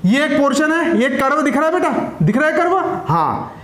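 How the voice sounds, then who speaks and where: High-pitched teacher, echoey room. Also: male voice, very animated, a little fast, fairly bright tone. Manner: keeps asking and repeating, calls students beta. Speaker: school science teacher. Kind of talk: classroom lecture.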